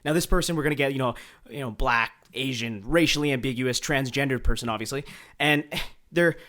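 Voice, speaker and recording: A Canadian man co-hosting a podcast, pitching a silly movie idea in an animated, mock-dramatic way. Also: brisk. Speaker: podcast co-host.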